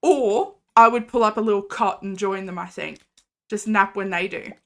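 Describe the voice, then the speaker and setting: A woman's voice: mid-range voice, moderate pace. A young woman streaming a game and chatting casually with viewers, rambling with lots of fillers and laughs. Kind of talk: casual live-stream chat.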